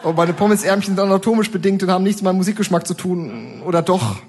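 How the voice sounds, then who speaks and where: A man giving a comic stage reading of his own texts, narrating in the first person in a dry, deadpan way. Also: sits high, racing, slight background noise.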